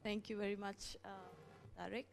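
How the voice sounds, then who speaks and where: A woman's voice: mid-range voice, level tone, moderate pace, creaky, a little hiss or hum. A woman from northern Pakistan giving an earnest presentation with frequent fillers. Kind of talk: conference presentation.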